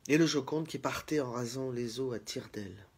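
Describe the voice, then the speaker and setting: A man narrating a children's tale as a storyteller in a gentle, expressive reading manner, with a husky voice. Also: medium pitch, fairly quick.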